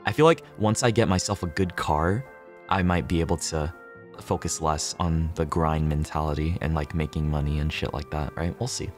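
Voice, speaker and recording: A deep-voiced man talks to his audience at a moderate pace while livestreaming a game, soft music playing in the background. His manner is casual and sweary, and he reasons out loud, often repeating himself.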